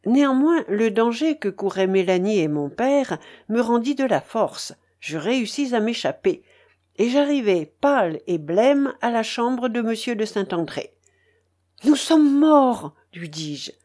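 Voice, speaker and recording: A woman reading a story aloud as an audiobook narrator, in a measured, dramatic way. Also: a little high, animated, a little mellow.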